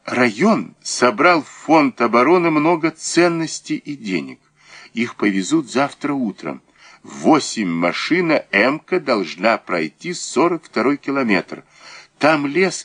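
A man reading an audiobook, voicing a male police officer who imitates a criminal's pleading, drawn-out phone voice. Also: medium pitch, big pitch swings, a bit bright, husky, pitched above the performer's own voice, heavily acted.

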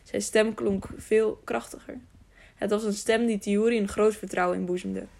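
A woman reading an audiobook aloud, with a gravelly, creaky texture in her voice. She stumbles over words now and then and goes back to correct them. Her pitch sits in the middle for a woman. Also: fairly even intonation, moderate pace, a little mellow. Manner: frequent slips and self-corrections. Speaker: audiobook reader. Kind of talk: scripted narration.

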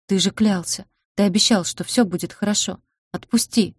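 A woman's voice: mid-range voice, steady tone, moderate pace, slightly rough, dry recording, clean studio sound, lightly acted. A woman voicing a frightened young woman in a storybook, pleading in a trembling way. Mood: desperate.

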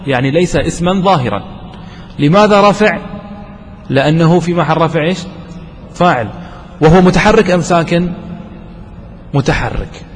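A man teaching a grammar lesson, quizzing his students and slowing down to stress key terms. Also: fairly high pitch, lively intonation. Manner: asks students questions and answers them himself. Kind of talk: classroom lesson. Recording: distant voice with long reverb and faint noise.

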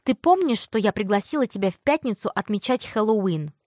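A woman's voice: medium pitch, animated, a little fast, darkish tone, no echo, studio quality, natural voice. A woman voicing an upset teenage girl who complains plaintively.

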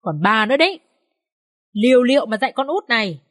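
A woman's voice: a little high, animated, a little fast, a bit bright, no echo, studio quality. A woman voicing an enraged middle-aged rural father who scolds and insults harshly. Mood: furious scolding.

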